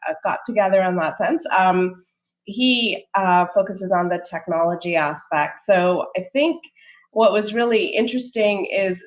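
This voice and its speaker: A woman's voice: on the low side, poor audio. A middle-aged woman, born in Sri Lanka, speaking as a startup co-founder on a panel, friendly and full of ums, with light laughs. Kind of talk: casual panel talk.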